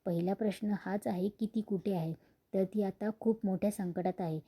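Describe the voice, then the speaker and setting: A woman voicing a calm, wise elderly grandmother who speaks soothingly. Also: mid-range voice, normal speed, breathy edge, lightly acted. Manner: soothing, advising.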